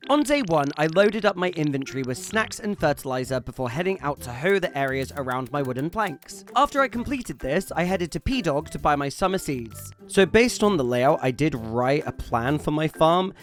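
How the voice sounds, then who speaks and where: High-voiced playful man narrating gameplay. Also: expressive, moderate pace, soft background music. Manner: playful, theatrical asides. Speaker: gaming channel host. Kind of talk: scripted gameplay voice-over.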